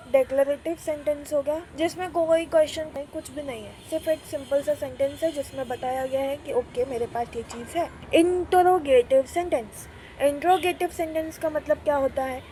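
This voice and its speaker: A woman with a high voice runs a beginner grammar class. She keeps asking the class rhetorical questions and then answers them herself, and she reads each example sentence slowly and deliberately. Faint noise hums under the recording. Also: steady tone, dark tone. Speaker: English teacher. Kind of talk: classroom lesson explaining grammar.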